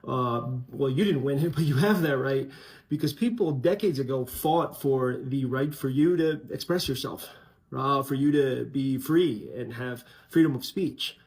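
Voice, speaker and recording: A man's voice: medium pitch, measured pace, a little mellow. Colombian-born male host, mid voice, frank and conversational. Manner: frank, conversational, many fillers. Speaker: channel host. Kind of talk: casual opinion vlog.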